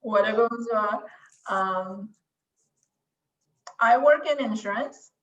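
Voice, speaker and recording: Speaking slowly in a fairly high voice, this language-website creator, a native Mandarin speaker appearing as a guest, talks in a relaxed, self-deprecating way and frequently starts her sentences over. The audio sounds distant, roomy, dull and lo-fi.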